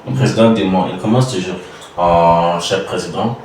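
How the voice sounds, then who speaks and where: A man's voice: sits low, steady tone, moderate pace, a little mellow, a little hiss or hum. A man in casual group chat, repeating and teasing with questions. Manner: repetitive, teasing questions, laughs. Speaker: student club member. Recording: echoey room from far off.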